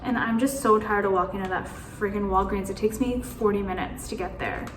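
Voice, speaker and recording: A woman's voice: medium pitch, fairly even intonation, a little fast, echoey room, slight background noise. A woman vlogging casually on a phone camera, anxious and rambling, swearing now and then. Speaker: beauty vlogger. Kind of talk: casual chat.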